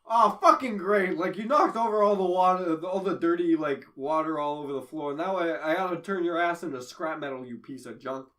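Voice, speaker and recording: A man's voice: a little high, a little fast, hardly any pauses, a bit bright, recorded from a distance, close to an everyday voice. A man doing a grumpy swearing janitor. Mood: irritated. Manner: cursing, exasperated.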